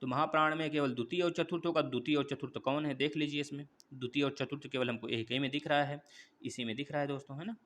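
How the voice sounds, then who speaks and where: A man's voice: on the high side, fairly even intonation, quick pace, a bit bright, a little hiss or hum. A man teaching an exam-prep quiz class, going through questions one by one and coaxing viewers for answers. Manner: repetitive, coaxing, addresses viewers as friends.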